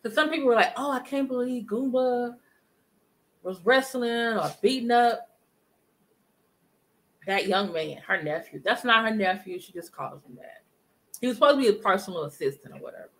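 A middle-aged woman talks straight into her webcam in a home living room, hosting a live commentary stream. Her voice sits a bit high and sounds bright and forward. She speaks emphatically and breaks off to greet viewers in chat. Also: lively intonation, normal speed, long pauses, low-quality recording. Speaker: livestream commentary host. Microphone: webcam at desk distance.

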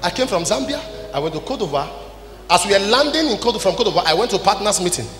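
With a high pitch, big swings in intonation, a quick pace and a slightly bright tone, a Nigerian man in his forties preaches a sermon. He uses a handheld mic on stage in a large church hall, scolding the congregation in short declarative bursts over music and echoey PA sound.

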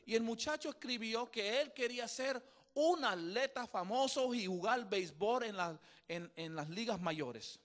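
A man's voice: very high-pitched, animated, unhurried, a bit bright. A man preaching a sermon, telling a story and building to emphatic, repetitive exhortation. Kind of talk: bilingual sermon with interpretation.

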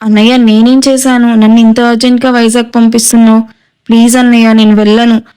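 Woman narrator doing a nervous younger brother, hesitant and pleading; clear, slightly high voice. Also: flat delivery, fast, dark tone, lightly acted.

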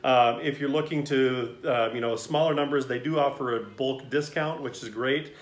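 Speaking through the singer's mask he's reviewing, this choir director has a mid-range voice and a moderate pace. His casual review is friendly but halting, with plenty of ums and uhs, and the room he's in is echoey.

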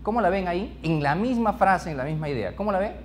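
A man leads a live classroom lesson on speed reading, his voice rising and falling in a lively, animated way. He pitches a touch higher than most men, and he keeps tossing questions to the group with quick tag questions like a checking teacher. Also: slight background noise. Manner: peppers speech with "¿ya?" and "¿no?". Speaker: speed-reading course instructor.

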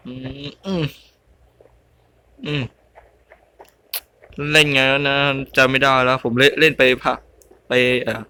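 Medium-pitched and sharp in tone, this young man narrates his gameplay for YouTube in a casual way. Mutters and grunts fill the gaps, and he cries out at his mistakes.

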